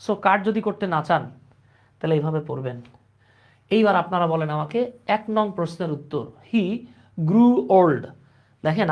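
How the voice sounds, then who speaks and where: A man's voice: sits high, dull audio. A man with a Bangladeshi accent runs an online grammar lesson. He talks in a casual, colloquial way, throwing in jokes and asking viewers questions as he explains. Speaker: English teacher.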